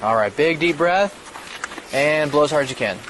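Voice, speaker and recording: A man's voice: a little high, expressive, normal speed. A male police officer giving matter-of-fact, explanatory instructions during a roadside arrest, recorded as body cam audio. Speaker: police officer making a drunk-driving arrest. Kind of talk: procedural spoken instructions at a roadside stop. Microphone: body-worn camera microphone. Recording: body cam audio, clear background noise. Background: vehicle and ambient noise.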